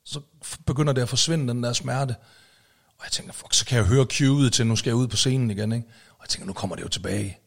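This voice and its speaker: A man's voice: medium pitch, fairly even intonation. A man telling a story in casual podcast chat, with lots of fillers and tag questions and casual swearing. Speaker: podcast co-host, musician.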